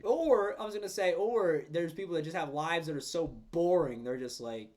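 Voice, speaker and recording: A young man with a high-pitched voice talks in a loose, rambling way. He fills his sentences with "like" and restarts, and he swears freely in a casual podcast chat. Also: normal speed, darkish tone. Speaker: podcast co-host.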